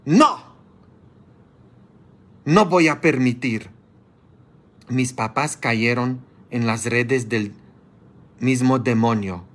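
A man preaching as a priest, scolding his listeners with fervor and breaking into sudden high-pitched outbursts. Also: drawn-out words, long pauses, fairly bright tone. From grew up as a child of immigrants. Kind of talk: sermon. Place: church, streamed live.

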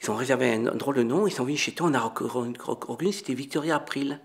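A middle-aged man, a chef, telling an anecdote in an interview with lively acted-out dialogue and many restarts. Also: medium pitch, fast talker, creaky. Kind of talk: storytelling in an interview.

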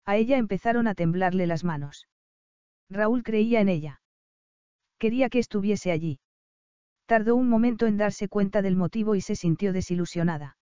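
A woman reads an audiobook in a calm, even way, with a warm, mellow tone. Her voice is smooth and dry, close on the mic. The recording sounds dull and lo-fi. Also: mid-range voice, normal speed, no room sound. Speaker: audiobook narrator. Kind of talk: scripted narration.

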